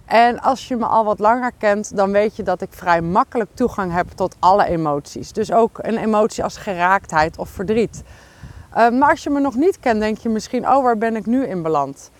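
A woman hosting her podcast in a candid, casual video diary, tired and halting, with many fillers. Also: medium pitch. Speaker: podcast host.

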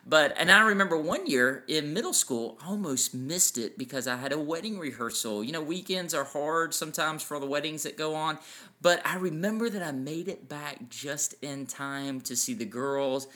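A man's voice: a little high, normal speed, bright, forceful tone. A man in his forties co-hosting a casual family podcast, telling sentimental stories and laughing easily. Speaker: podcast co-host.

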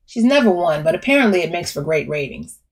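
A smooth, brash middle-aged lawyer who talks business bluntly and swears freely, as a woman narrator puts him on. He comes out husky and fairly low in an audiobook reading. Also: sing-song, fast talker, exaggerated voice.

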